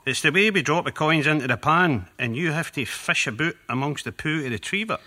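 A man's voice: on the high side, lively intonation, a little fast, bright, forceful tone. An actor playing an affable, mock-formal workshop handyman with a dry sceptical manner in an audio comedy. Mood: courteous, patient.

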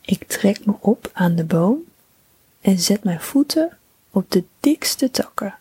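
Slow, whispering woman telling a bedtime story. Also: medium pitch, husky, no room sound. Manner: slow, soothing, calm.

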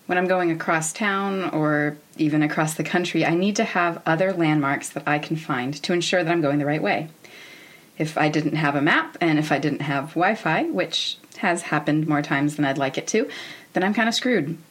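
An American woman in her thirties, from Oregon, narrating an educational show in an informal, wry, candid way. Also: low voice. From Oregon, United States. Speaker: podcast host. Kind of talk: semi-scripted educational narration about space history.

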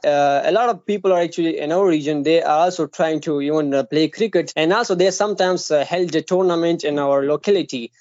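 A man's voice: on the high side, a little fast, hardly any pauses, a little mellow, no room sound. A young man from Pakistan, introducing himself as a podcast guest, hesitant with many fillers and restarts. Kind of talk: casual self-introduction. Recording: dull, dry lo-fi recording.

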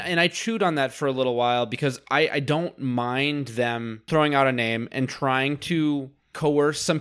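A man's voice: mid-range voice, fairly bright tone, clean tone. Male podcast co-host, analytical. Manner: stammering restarts, analytical. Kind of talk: casual chat.

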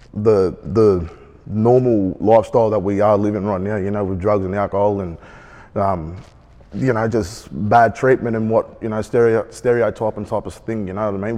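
Halting young Australian man, low voice. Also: fairly even intonation, dark tone, long reverb tail. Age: 20s. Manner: halting, repeats himself, many fillers. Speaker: youth panel guest. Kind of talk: casual discussion.

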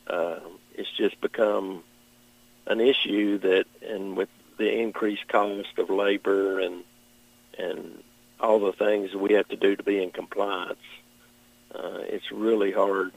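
Gravelly Kentucky farmer, flat and measured. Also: male voice, lowish voice, low-quality recording. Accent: Southern American, Kentucky. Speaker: farmer, interview guest. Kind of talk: plain-spoken radio interview answers.

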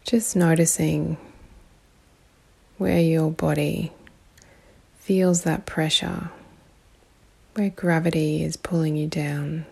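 A woman leads a guided meditation in a calm, meditative tone. Her low voice is mellow and gravelly, soft and breathy at the edges. She leaves long, unhurried pauses between short phrases.

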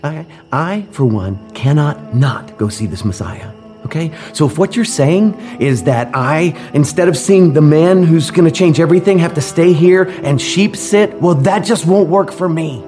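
A man's voice: a little high, expressive, normal speed, dark tone, soft background music, close to an everyday voice. A man playing a blunt, stubborn shepherd. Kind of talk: comedic church skit.

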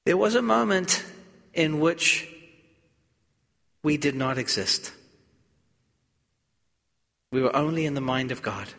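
A priest at a funeral speaks solemnly and with measured care, in short, deliberate phrases, his voice a little high, creaky and somewhat bright. The echo of a large, cathedral-like church surrounds him as he delivers a gospel reading and funeral homily.

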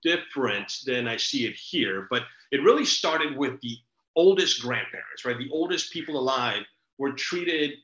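A man's voice: mid-range voice, animated, normal speed, fairly bright tone. A middle-aged man from El Salvador, hosting a podcast and telling stories in an earnest, expansive, conversational way. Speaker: podcast host. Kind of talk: casual conversation. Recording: roomy, dull lo-fi recording.

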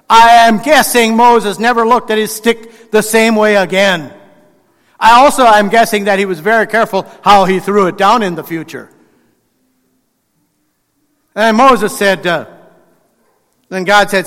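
A man's voice: high voice, fairly bright tone. Man preaching in an echoing hall. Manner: conversational, acts out quotes with restarts. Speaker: pastor. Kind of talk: sermon.

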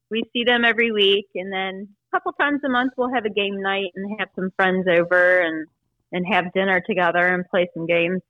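Chatty bright-voiced woman in her fifties. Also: medium pitch, no echo, poor audio. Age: 50s. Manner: chatty, laughs easily. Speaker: interviewee, aunt. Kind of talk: casual family interview.

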